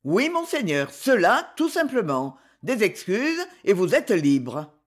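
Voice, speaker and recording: Raspy male knight, proud and vehement, storybook reading, voiced by the narrator, lively pitch. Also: slow pace. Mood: stern. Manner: solemn, grave, vehement. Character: proud adventurer knight, fierce and wounded in honor.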